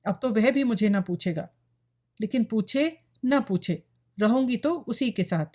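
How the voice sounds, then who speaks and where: A desperate young village woman, as a woman narrator acts her out, defiant and pleading in a raised voice. Her lines rise well above the narrator's usual pitch. She sounds stubborn even in despair. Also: measured pace. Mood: anguished pleading. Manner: pleading, rebellious.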